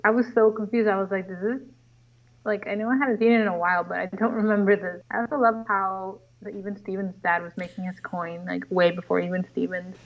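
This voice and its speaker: A woman's voice: mid-range voice, fairly even intonation, fast talker, few pauses, lo-fi sound. A young woman co-hosting a podcast, chatting about a movie in an easygoing, rambling way. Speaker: podcast co-host. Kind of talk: casual movie review chat.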